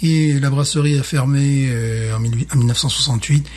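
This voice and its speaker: A man's voice: mid-range voice, fairly even intonation, a little fast, darkish tone. A man with a Parisian French accent chatting casually as co-host of a beer tasting podcast, enthusiastic and often repeating himself.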